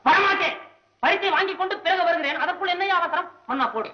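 A poor, hot-tempered temple poet with a high, whining voice who keeps grumbling and needling everyone around him. The old film soundtrack sounds dull and muffled, as in a 1960s movie. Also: male voice, slight background noise. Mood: bickering. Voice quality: whiny, high and quick-tempered. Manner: complaining, sarcastic, talks to himself. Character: poor, fretful male temple poet, comic and whiny. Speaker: comic lead in a devotional film. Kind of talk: 1960s Tamil film acting.

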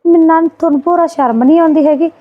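A woman scolding her sister-in-law in a Punjabi family drama skit, indignant and quick. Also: extremely high pitch, fairly even intonation, dull audio.

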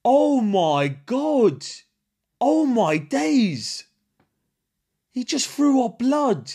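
A man's voice: extremely high pitch, drawn-out words, breathy edge. A man, hosting a movie reaction, exclaiming and laughing often. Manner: excitable, exclaims a lot. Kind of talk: casual reaction chat.

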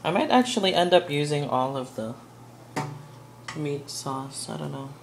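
A woman's voice: sits low, expressive, moderate pace, noisy background. A young woman chatting casually as she cooks in her home kitchen for a vlog, rambling and giggly. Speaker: cooking vlogger.

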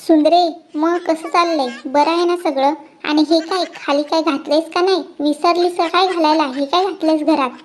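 Shrill pitch-shifted cartoon aunt, bossy, scolding, sharp-tongued, put on by a voice actor. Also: female voice, fairly even intonation, moderate pace, a little hiss or hum. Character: bossy quarrelsome middle-aged aunt. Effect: high pitch-shifted cartoon voice.

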